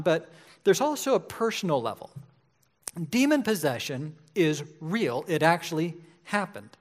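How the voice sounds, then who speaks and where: A man in his forties preaching a sermon in a conversational way, often checking in with "right?". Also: high voice. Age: 40s. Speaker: pastor.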